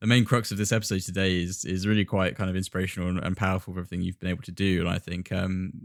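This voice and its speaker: A man's voice: deep voice, creaky, no room sound, studio quality. A man hosting a podcast, welcoming his guest and asking long, rambling questions hedged with "kind of" and "sort of". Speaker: podcast host. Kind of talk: podcast interview.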